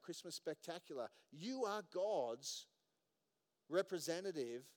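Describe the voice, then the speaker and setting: A male pastor with a smooth, resonant, fairly high voice preaches earnestly to his congregation. He drops to near-hushed stretches and then climbs to loud emphatic points. The sound carries a long reverb from the church hall. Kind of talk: sermon. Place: church auditorium.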